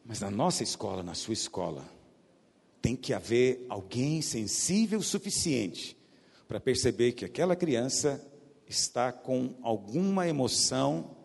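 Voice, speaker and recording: A preacher from Goiás, Brazil, with a Goiás accent, giving a sermon and swinging from loud emphatic bursts to low hushed asides. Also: male voice, very animated, a little slow, gravelly, husky. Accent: Goiás Brazilian Portuguese. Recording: long hall reverb.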